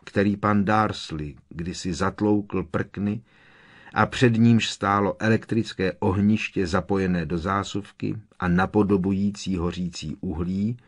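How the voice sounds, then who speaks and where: Low-voiced man narrating a storybook. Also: fairly even intonation. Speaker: audiobook narrator.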